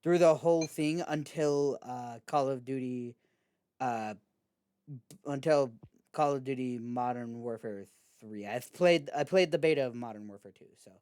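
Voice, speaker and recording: A man's voice: medium pitch, measured pace, darkish tone, clean tone, dry recording. A man hosts a laid-back gaming chat. He talks in a loose, rambling way and often restarts his sentences. His voice sounds dry and close. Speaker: host.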